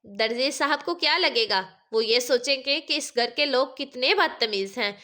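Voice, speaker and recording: A woman's voice: sits high, lively intonation, sharp tone. A woman voicing a devout young mother who prays through tears, pleading and desperate. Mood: gently scolding. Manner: tearful pleading prayer.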